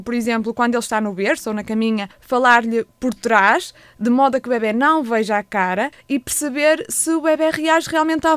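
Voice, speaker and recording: A woman speech therapist with a European Portuguese accent, explaining tips to parents carefully and clearly. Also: sits high, no room sound. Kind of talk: informational talk on a local program.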